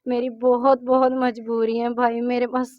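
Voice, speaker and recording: Woman, pleading and distressed, highish voice, muffled dry recording. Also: completely flat delivery, no room sound. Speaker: interviewee, mother. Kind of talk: emotional personal account.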